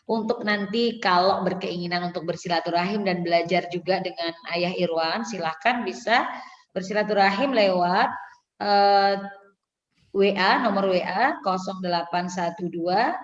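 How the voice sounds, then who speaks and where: A woman moderates a parenting forum, courteously reading out contact details and questions from listeners. Her voice sits on the low side. The recording is dull and lo-fi, with long reverb from a large echoey hall. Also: normal speed.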